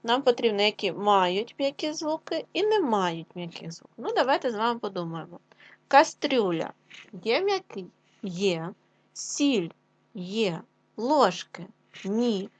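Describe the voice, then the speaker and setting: A woman primary school teacher with a Ukrainian accent, leading a classroom lesson and spelling out sounds clearly. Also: mid-range voice. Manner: slow, clear, drawn-out dictation with sounds spelled out.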